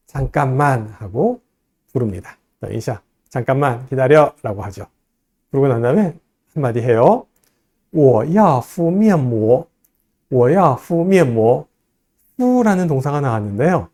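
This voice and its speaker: Man, language lecture, slow careful reading of example lines, animated delivery. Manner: reads Chinese lines slowly, then translates; acts out quoted lines in a higher, livelier voice. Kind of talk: explaining an ad scene line by line.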